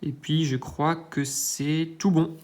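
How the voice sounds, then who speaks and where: A man's voice: a little high, level tone, slow pace, a little mellow. Man casually musing over scratch cards. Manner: hesitant, thinking aloud, frequent filler sounds; self-mocking asides. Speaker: scratch-card channel host. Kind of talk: casual commentary while scratching tickets.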